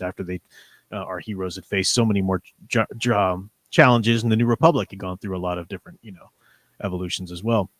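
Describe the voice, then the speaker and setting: On a dry recording, a man with a lowish voice hosts a live stream, chatting casually in an enthusiastic, opinionated, rambling style while reading out viewer comments.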